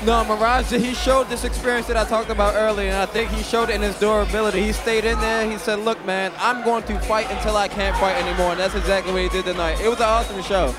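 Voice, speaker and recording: A man with a high voice delivers casual, enthusiastic boxing analysis at a quick pace. Very loud crowd and music sit behind his informal commentary. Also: fairly even intonation.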